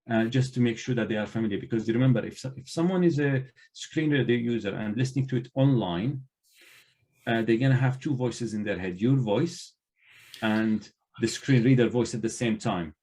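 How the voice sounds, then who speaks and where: A man with a mellow, mid-range voice trains librarians and joins an online panel, speaking English as a non-native. He is earnest but halting, repeatedly restarting his sentences.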